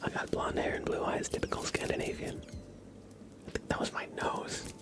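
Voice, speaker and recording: Softly and slowly, with light chuckles, a man whispers ASMR-style while hosting a livestream, going through his chat and thanking viewers. Mouth sounds come through on the close microphone.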